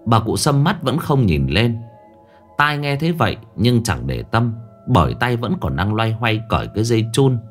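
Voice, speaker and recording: A man narrating a ghost story in a lively, dramatic storytelling manner. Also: mid-range voice, moderate pace. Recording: faint background music.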